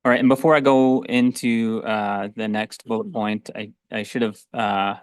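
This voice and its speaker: A man's voice: on the low side, flat delivery, moderate pace, smooth, dry recording. A man chairing a school board meeting, formal and with frequent hesitations.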